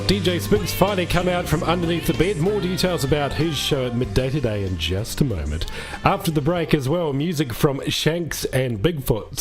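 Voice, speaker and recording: Speaking from a radio studio over music, a man from New Zealand gives cheerful, chatty DJ links on his music show. His voice is medium in pitch with a breathy edge.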